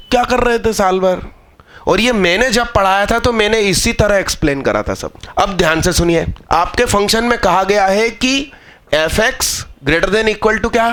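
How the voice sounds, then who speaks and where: A man's voice: high voice, fairly bright tone. A male math teacher giving a live exam-prep lecture, explaining step by step and scolding students into understanding.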